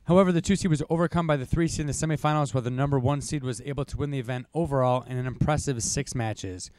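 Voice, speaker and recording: A man's voice: mid-range voice, quick pace, darkish tone, clear, resonant tone, no room sound. Young man recapping results, dry sound. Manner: reads results from notes, coughs, casual asides. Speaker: co-host. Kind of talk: podcast rankings recap.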